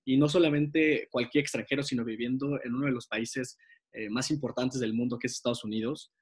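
A man's voice: mid-range voice, fairly even intonation, fairly quick, slightly rough. A man hosting an interview podcast, praising his guest and asking open questions. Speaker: podcast host.

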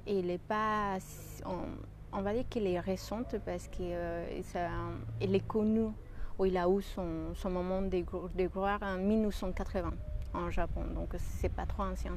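A woman with a Mexican Spanish accent talks in French about her practice, her tone warm and mellow. She hesitates often, restarting phrases and filling pauses. A faint hum of ambient noise sits under her voice. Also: mid-range voice. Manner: hesitant, many fillers and restarts. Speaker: shiatsu practitioner. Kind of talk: interview answers.

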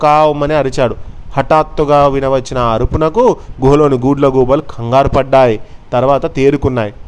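Man, casual storyteller, smooth resonant voice, medium pitch. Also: a little mellow. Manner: explains the story with chatty asides.

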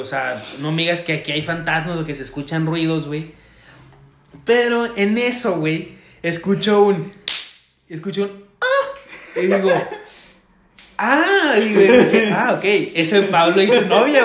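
A man's voice: high voice, fairly bright tone, a little hiss or hum. A young man with a Mexican accent, telling crude, slangy stories on a casual podcast and laughing often. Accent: Mexican Spanish. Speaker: podcast co-host. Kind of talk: casual storytelling chat. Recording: echoey room.

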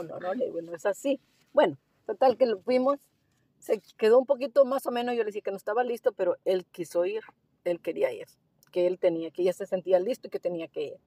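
A woman's voice: mid-range voice, breathy edge, no echo. Chatty woman telling a driving story. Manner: animated storyteller, mixes English phrases into Spanish. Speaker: driving instructor. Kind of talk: casual storytelling interview.

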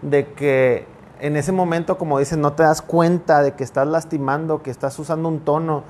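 A man's voice: fairly high pitch, fairly even intonation, a little mellow, a little hiss or hum. A man talking earnestly in a reflective conversation, often restarting his sentences as he searches for words. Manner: earnest, halting with frequent restarts.

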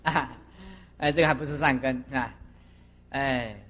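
A middle-aged woman, a Buddhist master lecturing monastic students and telling stories with lively acted-out scenes. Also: rumbling low, unhurried. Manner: animated storyteller who acts out scenes. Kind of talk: doctrinal lecture with personal stories. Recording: reverberant lecture hall.

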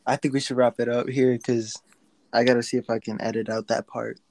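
A man's voice: medium pitch, little pitch movement, fairly quick, creaky, a little mellow. A young man co-hosting a casual podcast, talking in a laid-back, slangy way. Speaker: podcast co-host. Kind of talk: casual chat.

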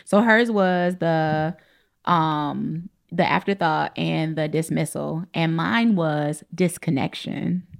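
A woman co-hosting a relationship podcast, with a low, gravelly voice. She talks in an easygoing, rambling way, full of likes and restarts. Her speech. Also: slow pace. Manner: loose and conversational, many fillers and restarts. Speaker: podcast co-host. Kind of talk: casual relationship talk.

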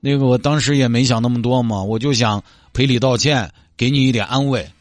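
A man's voice: mid-range voice, fairly even intonation, fairly quick, no room sound, studio quality, soft background music, voice pushed down, natural voice. A man voicing a sheepish young man who hit a car, hesitant and apologetic.

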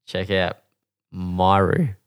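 A man co-hosting a podcast, speaking in a fairly low, smooth and clean voice. He stays laid-back and often answers with short, dry remarks. His talk is casual throughout. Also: little pitch movement, very slow. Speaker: podcast co-host. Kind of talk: casual chat.

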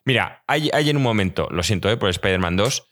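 Emphatic Spanish man, bright lively voice. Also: on the low side, brisk. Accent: Spain Spanish. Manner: emphatic, argumentative, swears a lot. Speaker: podcast co-host. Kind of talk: heated casual chat.

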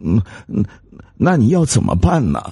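A man's voice: mid-range voice, huge pitch swings, moderate pace, mellow, breathy edge, no echo, studio quality, voice pushed up, heavily acted. A man voicing a timid, cowardly husband who stammers and whines in fear. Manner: stammering, whiny. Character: timid cowardly middle-aged man, fearful.

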